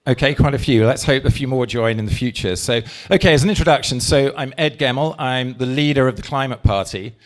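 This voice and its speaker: An English party leader addresses a live audience through a handheld mic, speaking forcefully in slow, heavily stressed phrases. His voice is medium-pitched.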